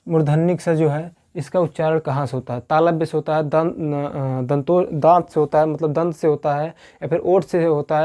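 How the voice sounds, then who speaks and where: A man's voice: on the high side, dark tone. Man teaching a blackboard grammar lesson. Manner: repeats key points with frequent "theek hai" checks; asks the class questions and answers them himself.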